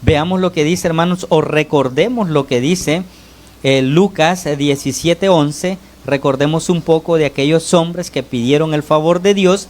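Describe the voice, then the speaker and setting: A man preaching a sermon to his congregation, often pausing to call on the brothers and ask "¿verdad?", his voice rising and falling sharply between phrases. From El Salvador. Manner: pitch and loudness swing widely between phrases. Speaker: lay preacher.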